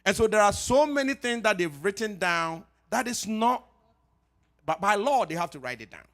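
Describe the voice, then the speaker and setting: A middle-aged man from Ghana with a Ghanaian accent, a pharmacist giving an informal health talk at church, lively and joking, repeating his key points. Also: sits high, normal speed.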